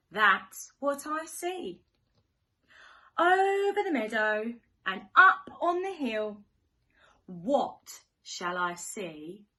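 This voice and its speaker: A woman teacher with a medium-pitched voice reads a picture book to young children in an expressive, sing-song way. She is animated and questioning, asking them things, letting out dramatic gasps, and dropping into hushed, near-whispered asides.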